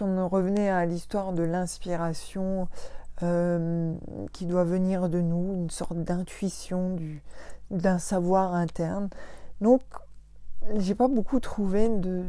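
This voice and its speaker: A woman's voice: medium pitch, warm tone, clean tone, dry recording. A woman from Alsace, hosting a casual live talk for her followers on a phone, hesitant and full of fillers and self-corrections. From Alsace, France. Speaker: host of a weekly live. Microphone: phone on an Instagram live.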